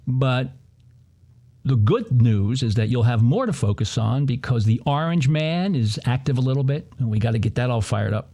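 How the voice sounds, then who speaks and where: A man's voice: mid-range voice, animated, normal speed, mellow. A man hosting a political commentary show, talking in a heated, sarcastic way with mocking asides.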